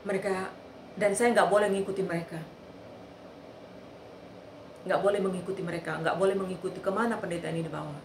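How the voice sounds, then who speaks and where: A woman with a lowish voice gives an earnest personal testimony, recounting events with repetition. Her voice rings around an echoey room. A faint ambient noise sits behind her. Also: steady tone, a little fast, long pauses. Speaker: eyewitness sharing a testimony.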